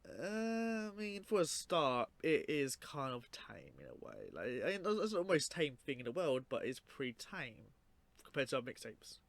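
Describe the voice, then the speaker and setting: A man's voice: mid-range voice, no room sound. A man narrating his own story in a casual, unscripted way, rambling informally and often trailing off. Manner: rambling, informal, trailing off with 'like' and 'you know'. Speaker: documentary narrator and video creator.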